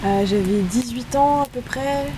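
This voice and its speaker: A woman with a fairly high voice answers interview questions in an unhurried, hesitant way, full of fillers and restarts. The casual chat takes place inside a tipi by a fire while steady, heavy rain sounds in the background.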